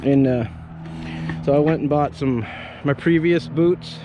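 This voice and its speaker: His voice is a little high and his pace measured as this arborist in his thirties talks through some gear while up a tree outdoors. The head-mounted action camera catches a noisy background, and his casual, rambling review is packed with fillers and restarts.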